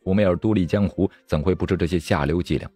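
A man narrating a martial-arts novel aloud in a dramatic, expressive storytelling manner. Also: deep voice, quick pace, slightly rough. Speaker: audiobook narrator. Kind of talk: storybook reading of a wuxia novel.

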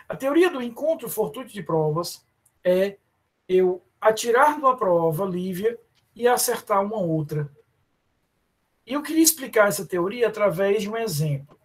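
A man with a Brazilian accent teaching a live online law class, often calling students by name and slowing down to stress terms. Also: high-pitched, breathy edge. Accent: Brazilian Portuguese. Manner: addresses students by name, many fillers and restarts. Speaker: law professor.

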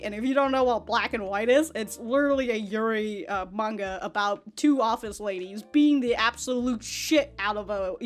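A young woman in her twenties hosts an anime reaction video from a small room with an anime backdrop, sitting close to a large foam-covered studio mic. Her voice is on the high side as she rambles through a casual review chat, laughing often, swearing, and repeating words.

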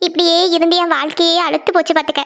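A woman's voice: extremely high pitch, flat delivery, very fast, creaky, a bit bright, dull audio, exaggerated voice. A woman voicing a worried, sad middle-aged mother in a cartoon, talking in a weary, complaining way. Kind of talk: cartoon voice acting.

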